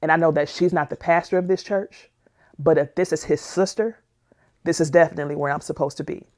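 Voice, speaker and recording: A woman's voice: sits low, fairly even intonation, fairly quick, a little mellow. A woman narrating her own life story as a personal testimony, earnest and emotional in a plainspoken way. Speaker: memoir narrator.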